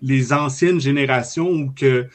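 A man in his forties with a Quebec French accent, chatting casually about a film and pausing often on fillers. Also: medium pitch. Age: 40s. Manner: relaxed, hesitant with many fillers.

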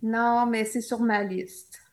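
A woman with a Québécois French accent, appearing as a podcast guest, chats casually while telling travel stories peppered with jokey asides. She speaks slowly in a fairly high voice with fairly even intonation.

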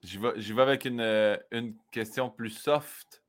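A man's voice: mid-range voice, steady tone, unhurried. A man in his thirties with a Quebec French accent, hosting a casual interview, enthusiastic and affirming. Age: 30s. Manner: enthusiastic, laughs often, affirming. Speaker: podcast host.

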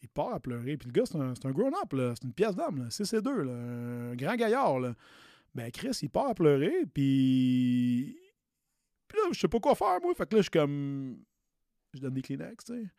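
A man's voice: on the high side, wildly swooping pitch, normal speed, darkish tone, no echo, clean studio sound. A man in his late thirties with a Québécois accent, a personal trainer telling a story in a loose, chatty way, slipping English slang into his talk. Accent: Québécois French. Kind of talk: casual storytelling podcast.

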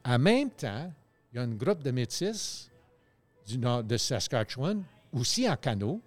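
Animated man telling stories. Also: medium pitch, unhurried, faint music behind. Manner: animated storyteller, many fillers and restarts. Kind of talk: casual radio chat.

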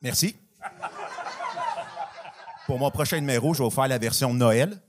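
A man doing stand-up on stage, delivering a rapid string of deadpan bits. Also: medium pitch, background noise. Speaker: stand-up comedian. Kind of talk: stand-up one-liners. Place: comedy club stage.

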